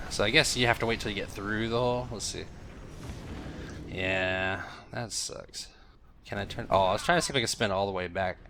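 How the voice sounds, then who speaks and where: A man's voice: mid-range voice, sharp tone, slight background noise. A man with a stuffed-up voice from a cold, casually thinking aloud as he comments on his gameplay. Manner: musing, thinking aloud while flying.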